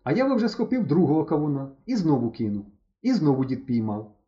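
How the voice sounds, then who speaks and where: A man reading a humorous story aloud in the first person, with lively, mock-dramatic narration. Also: a little high, brisk. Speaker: audiobook narrator. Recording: dull lo-fi recording.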